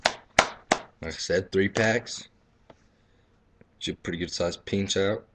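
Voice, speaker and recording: A young man tells his umpiring stories in a low, deep voice, blunt and full of swearing. The talk is loose and casual, like a home video vlog, with faint clicks in the background. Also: steady tone, takes it slowly, a bit bright, slight background noise. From Texas. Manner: profane, blunt, boastful storytelling. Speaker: baseball umpire.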